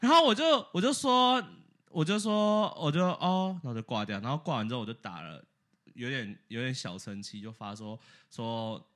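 Male co-host, casual story chat, very animated pitch, bright voice, laughs a lot, mixes in English. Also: moderate pace. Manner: animated, laughs often, slips English words into his talk. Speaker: podcast co-host.

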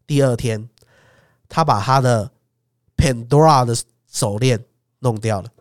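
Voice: medium pitch, measured pace, dry recording, studio quality. A podcast co-host, telling a travel story in casual chat, laughing often and swearing casually.

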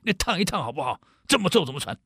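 A man's voice: on the high side, sing-song, rapid-fire, creaky, sharp tone, breathy edge, no echo, studio quality, heavily acted. A man voicing a nagging ancient wife who scolds her husband with pointed, complaining questions.

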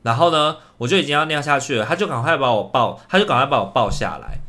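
A young man co-hosts a podcast, speaking fast at a medium pitch. He tells a personal story in a casual, animated way, acting out the lines he quotes.

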